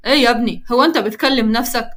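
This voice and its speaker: A woman's voice: a little high, very fast, a bit bright, natural voice. Woman doing a teasing, easygoing young guy. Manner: joking, soothing.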